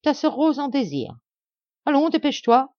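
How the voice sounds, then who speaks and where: A woman voicing a cruel stepmother who barks sharp orders and scolds, read from a storybook. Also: medium pitch, very animated, moderate pace, no room sound, muffled recording. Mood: harsh. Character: cruel harsh stepmother, doting on one daughter.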